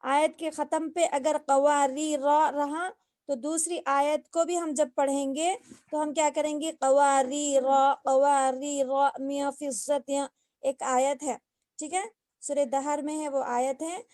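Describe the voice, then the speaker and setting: High-voiced woman teaching a recitation class. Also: fairly even intonation, unhurried, a little mellow, no room sound, clean studio sound. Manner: patient, explains step by step with repeated questions. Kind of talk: online class lesson. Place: online class.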